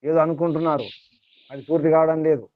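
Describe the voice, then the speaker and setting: A man's voice: a little high, fairly even intonation, fast talker, dry recording. Tinny-sounding man giving a spiritual talk. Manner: repetitive, rhetorical questioning. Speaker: spiritual teacher. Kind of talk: spiritual discourse to a small group. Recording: tinny phone-like dry sound.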